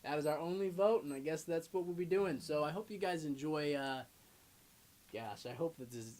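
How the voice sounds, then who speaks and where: A man's voice: a little high, a little mellow, a little hiss or hum. A man hosting a casual guitar livestream and chatting with viewers, self-deprecating and full of ums. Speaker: guitar streamer host.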